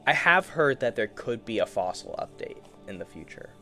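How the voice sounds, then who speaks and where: A man's voice: medium pitch, very animated, normal speed, sharp tone, soft background music. A man giving casual solo commentary while he plays a game, rambling to himself in a playful, easily amused way. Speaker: gaming streamer.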